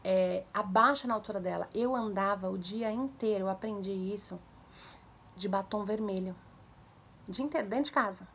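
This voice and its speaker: A young woman casually giving parenting advice to viewers, animated, acting out commands in a raised voice. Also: mid-range voice, normal speed, a little hiss or hum. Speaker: mother sharing parenting tips.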